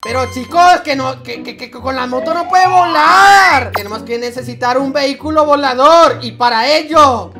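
A high-voiced woman commentating a game, excitable and shouty, full of slang. Music plays behind her. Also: moderate pace, few pauses. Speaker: gaming video host.

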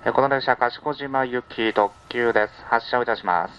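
A man's voice: mid-range voice, moderate pace, fairly bright tone, clear, resonant tone. A man working as a train conductor, making live, politely formulaic onboard announcements. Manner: formulaic, repeated polite phrasing. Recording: muffled train PA, cabin noise. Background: train cabin noise.

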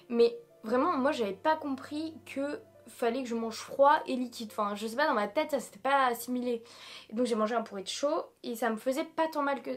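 A young woman with a French accent from France talks in a fairly high voice. She chats informally to the camera, rambling through her story with emphatic, slangy asides, like a vlogger in a small room. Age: young adult. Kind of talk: casual chat to camera, personal storytelling.

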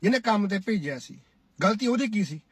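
Recording in Cyprus, an Indian social media commentator gives a scolding, preachy duet commentary, repeatedly checking in with "right?". His high voice is animated, brisk and husky, with no echo.

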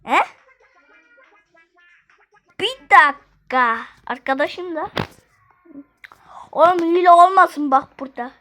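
A woman giving gameplay commentary, excitable, shrieking when scared and pleading or teasing with other players. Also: extremely high pitch, takes it slowly, pauses often, low-quality recording. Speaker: gamer playing online.

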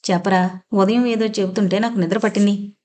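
Woman reader as elderly father, calm, affectionate, audiobook. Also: medium pitch, fairly quick, natural voice. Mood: gentle. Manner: calm, gentle.

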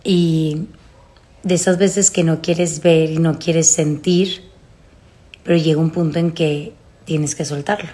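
A woman in her thirties with a Mexican accent, chatting casually and confessionally to followers in a halting, emotional way, recorded on a phone at home. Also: low-pitched, steady tone, warm tone, a little hiss or hum. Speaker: vlogger. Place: small room at home, indoors. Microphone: phone at arm's length.

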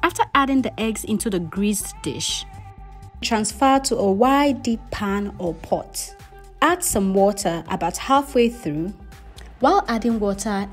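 A woman hosting her cooking channel, giving friendly step-by-step instructions in a voice-over. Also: mid-range voice. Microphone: voice-over, not recorded on camera.

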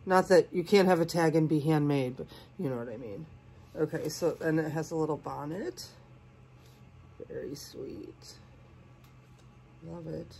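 A woman with a cold, sounding congested and sniffly, gushing softly as she unboxes doll clothes and sometimes dropping to a whisper. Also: low voice, a little fast, a little hiss or hum. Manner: gushing, soft-spoken, sometimes drops to a whisper. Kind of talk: casual unboxing chat.

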